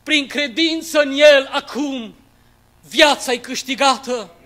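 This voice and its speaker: Male reciter, high and ringing, dramatic devotional poetry, declamatory, wide swings in loudness. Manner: declamatory, swelling from hushed lines to loud cries.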